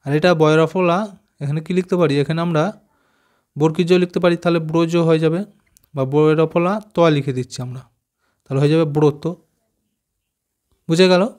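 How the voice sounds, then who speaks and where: A slightly higher-pitched man teaches young pupils, breaking each word into its letters with patient, careful stress. He pauses to quiz them and then gives the answer himself. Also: a little mellow. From West Bengal, India. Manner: slow, careful spelling out of letters, asks pupils questions. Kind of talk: explaining a primary school textbook.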